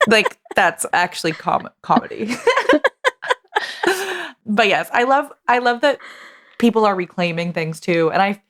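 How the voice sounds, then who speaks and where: A woman's voice: medium pitch, a little slow, pauses often, fairly bright tone. A woman co-hosting a podcast, talking enthusiastically and rambling a little, with many fillers. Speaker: podcast co-host. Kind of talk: casual podcast chat.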